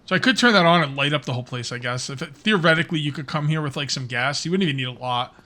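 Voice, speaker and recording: A young man talks his way through a survival game, rambling casually to his viewers as he plays. His voice sits a little high and sounds bright and forward. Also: very fast. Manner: chatty, rambling, talks to viewers while playing. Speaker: gaming YouTuber. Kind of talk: casual let's-play commentary.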